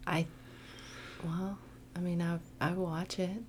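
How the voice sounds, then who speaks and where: A woman, co-hosting a casual podcast and talking softly and sleepily. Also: lowish voice, little pitch movement, slow, slight background noise. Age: 30s. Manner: sleepy, soft-spoken. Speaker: podcast co-host.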